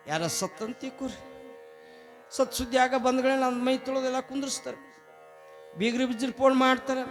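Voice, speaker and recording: Man, North Karnataka accent, devotional storytelling sermon, high-pitched voice, faint instrumental music behind. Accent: North Karnataka Kannada. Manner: animated, voices characters in quotes. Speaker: religious storyteller.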